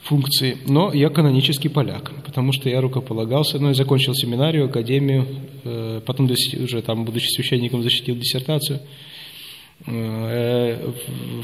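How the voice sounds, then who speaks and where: A middle-pitched man in his fifties from Russia, an Orthodox priest, talks through his memories in an interview. He rambles from anecdote to anecdote and pauses often on hesitant filler sounds. His voice rings out with a long reverb tail, as in a large hall. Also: vocal fry. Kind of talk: interview storytelling.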